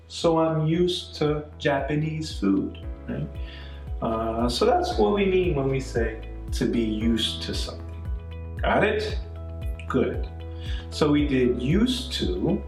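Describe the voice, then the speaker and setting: A man from Canada, middle-aged, teaching an English grammar lesson, patiently repeating points and checking in with "okay?" and "right?". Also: mid-range voice. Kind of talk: classroom-style grammar lesson. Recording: echoey room, mic at a distance, faint music.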